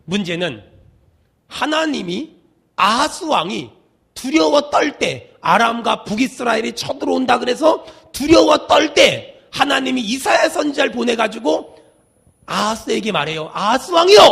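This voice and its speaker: High-pitched, gravelly preaching man. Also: very animated, moderate pace. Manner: preaching with call-and-response, swinging from loud shouts to hushed asides. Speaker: senior pastor. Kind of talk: sermon.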